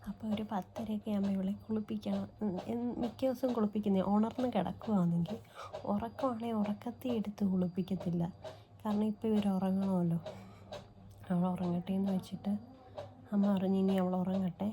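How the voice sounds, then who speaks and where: A woman's voice: mid-range voice, fairly even intonation, fairly quick, warm tone, slight background noise. A young woman and mother chatting casually to viewers in a daily-life vlog, recorded on a phone at home. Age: young adult. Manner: chatty, talks straight to viewers. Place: family home and garden.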